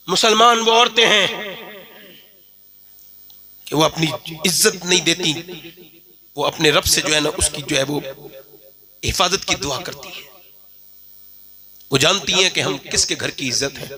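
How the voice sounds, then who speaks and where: A man, an Islamic preacher, delivering an impassioned sermon that swings from quiet storytelling to shouted exhortation, recorded live at a gathering. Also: fairly high pitch. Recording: live gathering with audible crowd.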